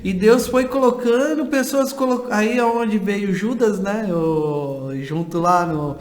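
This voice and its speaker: A man's voice: high voice, slow pace. A man hosting a church podcast, talking in a rambling, hesitant way that often trails off. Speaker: podcast host. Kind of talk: casual podcast chat. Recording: echoey room.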